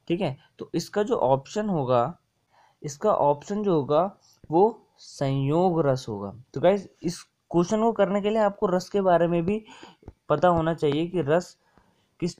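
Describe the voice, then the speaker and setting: A young man tutors for a Hindi exam in a casual screen-share lesson, going over test answers. His voice is on the high side and a little mellow, and he repeats himself often while mixing English words into his explanations.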